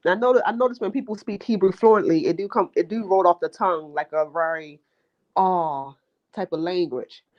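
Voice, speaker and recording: A woman's voice: fairly low pitch, moderate pace, darkish tone. A woman joins a talk show panel, chatting casually, asking questions and agreeing readily. Her voice sounds muffled and lo-fi. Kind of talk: casual chat.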